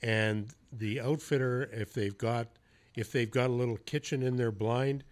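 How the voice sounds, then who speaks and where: Speaking a little slowly with medium pitch and fairly even intonation, a podcast host relates hunting stories in a laid-back interview. He curses here and there and laughs as he goes.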